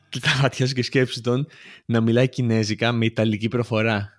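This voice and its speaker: A man's voice: medium pitch, little pitch movement. Bantering man co-hosting a podcast. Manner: bantering, repeats phrases for effect. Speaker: podcast co-host. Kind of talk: casual football chat.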